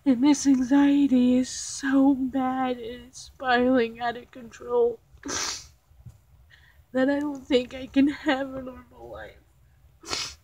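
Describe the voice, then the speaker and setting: A woman vlogger speaking to her viewers from home in a slow, halting way, close to tears. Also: high-pitched, flat delivery, husky, no echo. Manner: slow, halting, soft-spoken. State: tearful, holding back crying. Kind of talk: emotional personal confession to viewers.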